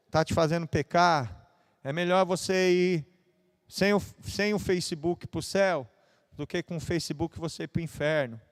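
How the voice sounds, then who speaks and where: Animated Brazilian pastor with a smooth voice. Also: male voice, fairly high pitch. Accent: Brazilian Portuguese, São Paulo. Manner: animated preaching, swings from hushed to loud. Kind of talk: sermon.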